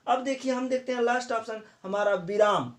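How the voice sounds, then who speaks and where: A man's voice: very high-pitched, a little fast. A man teaching a lesson to teacher trainees, explaining step by step, repeating key terms and using many fillers. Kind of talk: classroom lecture for teacher trainees.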